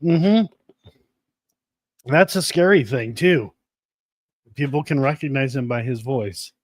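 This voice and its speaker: A man's voice: mid-range voice, slow, dry recording, studio quality. A man co-hosting a live stream, chatting casually in a rambling, joking way with some swearing. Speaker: podcast co-host.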